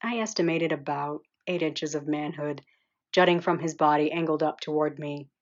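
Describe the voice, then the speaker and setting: Low-voiced woman narrating an audiobook. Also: normal speed. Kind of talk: first-person audiobook narration. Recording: slightly dull lo-fi sound.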